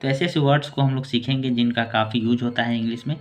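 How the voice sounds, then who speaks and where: A man teaching English vocabulary in a casual, repetitive way, saying each word slowly and repeating it. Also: mid-range voice, fairly even intonation. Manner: slow, repetitive word-by-word explaining.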